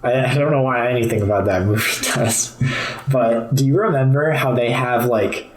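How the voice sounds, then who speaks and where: A young man in relaxed podcast chat, with a mid-range voice and a dry, joking delivery. His mic picks up a roomy echo. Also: medium pitch, normal speed. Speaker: podcast co-host. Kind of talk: casual chat.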